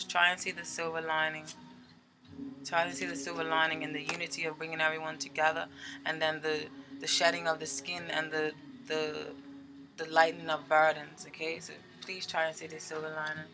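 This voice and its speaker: A woman giving a casual tarot reading, chatty and animated, often checking in with her listeners. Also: low-pitched, a little fast, music in the background. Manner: chatty, animated, with filler words and frequent "okay?" check-ins. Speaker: tarot reader.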